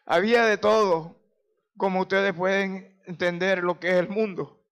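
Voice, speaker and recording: A man's voice: sits high, steady tone, measured pace, fairly bright tone, clean tone, dull audio. A man in his sixties from Venezuela, a pastor giving a fervent, emotional personal testimony full of praise exclamations. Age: 60s.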